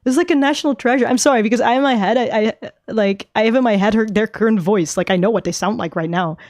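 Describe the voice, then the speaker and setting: A young adult woman VTuber streams casual chat in a fairly high, darkish voice, talking fast. The recording is dry with clean studio sound, and she rambles, giggles often, and swears freely.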